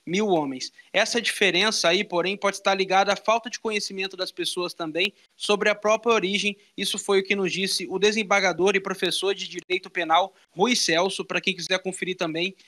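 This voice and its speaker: A man's voice: high-pitched, fairly even intonation, a little fast, few pauses, sharp tone. A young man with a Brazilian Portuguese accent giving a live news report from a small studio into a handheld microphone, conversational and informative. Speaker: radio reporter. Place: small radio studio with meeting table.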